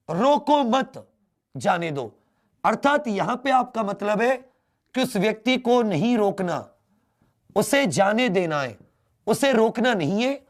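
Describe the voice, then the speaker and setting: A man teaching a Hindi grammar lesson, repeating key words and asking them back to the students. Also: high-pitched. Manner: slow, drawn-out delivery.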